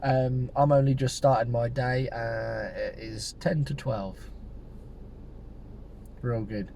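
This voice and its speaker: A man's voice: medium pitch, slow pace, gravelly, a little hiss or hum. Chatty young man with a strained voice. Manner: chatty, relaxed, rambling with fillers. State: losing his voice. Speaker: car detailing vlogger. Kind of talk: casual vlog chat to camera.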